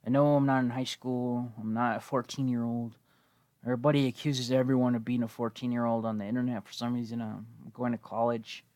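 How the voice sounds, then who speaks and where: A laid-back gaming host in his twenties, wheezing slightly from an oncoming cold, rambles casually over gameplay and swears freely. His delivery is flat and a little fast in a mid-range voice with a darkish tone, recorded dry.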